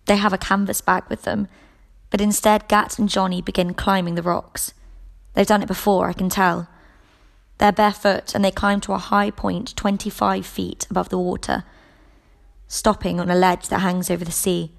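A woman reading a novel aloud in the first person, in a steady, measured way. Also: mid-range voice, gravelly. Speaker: audiobook reader.

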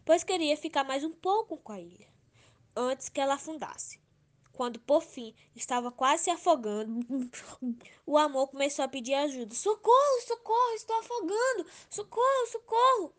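A woman student reading a fable aloud for a school assignment, in an expressive way. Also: high voice. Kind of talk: storytelling read-aloud.

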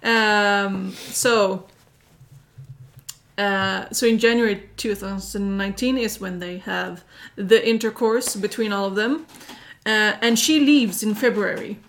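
A woman's voice: medium pitch, fairly even intonation, slow, a bit bright. A woman hosting a casual chat, recounting events with plenty of fillers. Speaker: host recounting a story.

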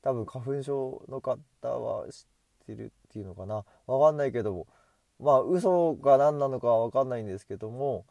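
A man with a mellow, warm tone rambles in a loose, self-amused monologue as he walks along a street. His nose runs from hay fever. He speaks into an earbud mic, and the sound is close and dry. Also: mid-range voice, animated, moderate pace, creaky, no echo, dull audio. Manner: chatty and self-amused, talks to himself. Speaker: solo podcaster. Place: outdoors on a street, walking. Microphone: earbud headset mic.

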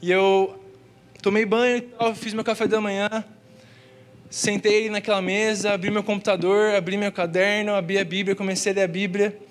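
A young man with a Brazilian accent preaches in a high voice. He tells a personal testimony in a slangy, earnest way. He is speaking in a church. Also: flat delivery, moderate pace. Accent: Brazilian Portuguese. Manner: slangy and earnest, peppered with "cara" and "velho". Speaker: youth preacher. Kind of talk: casual testimony sermon.

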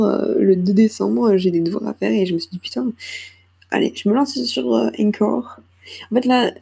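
A young woman rambles casually on her own solo podcast, full of hesitations and self-deprecating asides, speaking into a small microphone. Her mid-range voice is creaky and mellow with a breathy edge.

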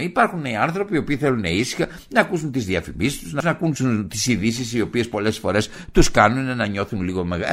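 A man's voice: lowish voice, sharp tone, voice pushed down, heavily acted. A man playing his own tired, fed-up alter ego in a comic radio sketch, talking in a soothing, weary way.

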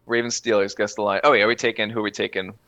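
A man hosting a casual sports betting podcast, moving the talk along with brisk prompts. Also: fairly low pitch, level tone, sharp tone, no room sound, lo-fi sound. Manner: brisk, runs the segment with quick prompts. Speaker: podcast host.

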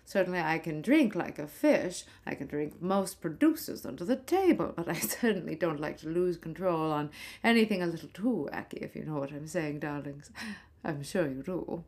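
A woman's voice: sits low, animated, normal speed, a little mellow, voice pushed down. A woman doing a grand ghostly old-Hollywood diva. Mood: campy. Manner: theatrical, grand, keeps calling listeners darlings. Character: vain glamorous ghost of an old-Hollywood female film star. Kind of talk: scripted comedy podcast monologue.

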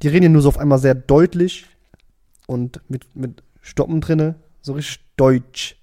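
A young man co-hosting a podcast, chatting casually and excitably, full of jokes and slang. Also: fairly high pitch, normal speed. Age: young adult. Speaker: podcast co-host. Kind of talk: casual chat.

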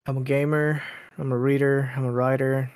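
A man's voice: mid-range voice, flat delivery, normal speed, a little mellow, smooth, no echo, studio quality. A man in his late twenties, a podcast guest, telling a dating story casually, rambling with lots of fillers and laughs. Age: late 20s.

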